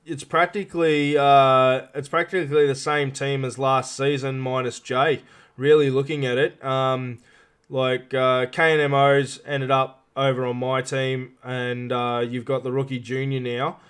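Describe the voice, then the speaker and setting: A man's voice: medium pitch, level tone, a little slow, fairly bright tone, clean tone. A man hosting a casual live interview show, matey and informal, feeling his way through questions.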